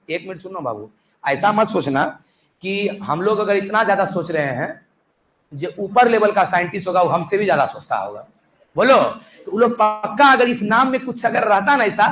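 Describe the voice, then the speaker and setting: A man's voice: high-pitched, low-quality recording. A young man teaching a chemistry class, coaxing and urging his students to listen and write along. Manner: animated, coaxing students, repeated calls to listen. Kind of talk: classroom lecture.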